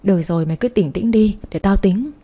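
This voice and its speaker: A woman's voice: medium pitch, fairly quick, warm tone, breathy edge, natural voice. A woman voicing a frank, loyal female friend who reasons and offers help.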